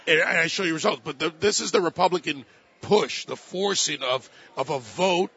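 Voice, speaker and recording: A man's voice: on the high side, moderate pace, pushed and bright, husky. A man on a political talk panel, telling stories and asking pointed rhetorical questions. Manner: storytelling, emphatic rhetorical questions. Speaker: political commentator. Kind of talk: panel discussion. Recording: dull lo-fi sound.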